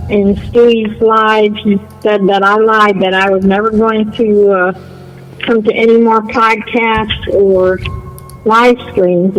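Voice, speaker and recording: A man's voice: high-pitched, poor audio. A man chatting casually on a call-in, insistent and defensive, often repeating himself. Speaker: online video creator.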